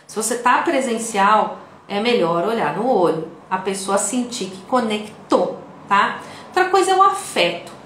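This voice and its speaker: A woman's voice: medium pitch, lively intonation, unhurried, fairly bright tone, slight background noise. A woman with a Brazilian Portuguese accent giving an online video lesson in a conversational way, often checking in with the viewer. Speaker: instructor. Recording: echoey room.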